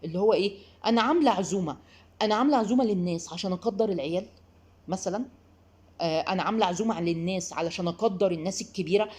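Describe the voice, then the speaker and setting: A woman's voice: medium pitch, rapid-fire, slightly rough. A woman with an Egyptian accent giving parenting advice, talking straight to the listener and acting out quotes. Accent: Egyptian Arabic. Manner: animated, addresses the listener directly, acts out quotes. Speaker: parenting advisor. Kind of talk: advice talk to mothers.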